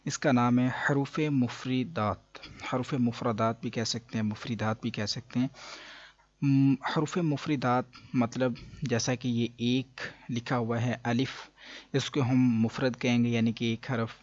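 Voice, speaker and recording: A man's voice: medium pitch, fairly even intonation, dry recording, lo-fi sound. A man teaching a beginner Quran reading lesson, patiently explaining and drawing out each letter sound. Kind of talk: step-by-step recitation lesson.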